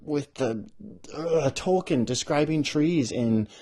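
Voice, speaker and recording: A man talking casually as an author hosting a podcast, animated and often interrupting himself as he thinks aloud. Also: fairly high pitch, takes it slowly. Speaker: author hosting a podcast about their own book. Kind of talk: casual rambling talk with bits read aloud.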